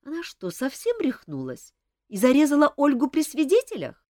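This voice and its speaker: A woman reading the part of a brisk, quick-witted young court lady in an audiobook. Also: high-pitched, wildly swooping pitch, mellow, dry recording, studio quality, voice pushed up. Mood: incredulous.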